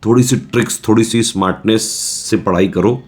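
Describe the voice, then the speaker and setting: A man's voice: on the low side, brisk, darkish tone. A man coaching exam students in a casual, reassuring lecture, often checking in with his listeners.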